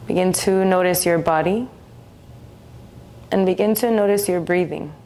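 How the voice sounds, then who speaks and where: A woman guides a meditation in a soothing, gentle voice that sits fairly low. She takes her time and leaves long pauses between phrases.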